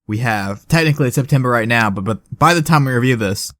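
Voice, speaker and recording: A young man co-hosting a casual podcast, chatting and acting out movie quotes with lively energy. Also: mid-range voice, fast talker, dry recording, studio quality. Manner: animated, acts out movie quotes. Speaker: podcast co-host. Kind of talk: casual chat.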